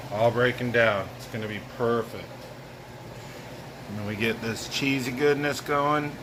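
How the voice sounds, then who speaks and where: A man talking casually through his home cooking in a giggly, loose, tipsy ramble. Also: lowish voice. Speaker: home cook recording a cooking video. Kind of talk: casual cooking vlog talk. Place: home kitchen, indoors. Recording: clear background hum of air conditioning.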